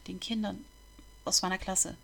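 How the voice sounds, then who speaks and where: A woman voicing a shy, withdrawn schoolboy who answers hesitantly and quietly. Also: medium pitch, steady tone, moderate pace, gravelly. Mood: timid, hurt.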